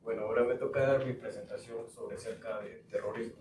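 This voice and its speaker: A man from Guatemala giving a student presentation to a school board, pausing often with fillers. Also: fairly low pitch, steady tone, a little mellow. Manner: halting, with frequent fillers. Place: school board meeting room. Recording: echoey room, far mic, noisy.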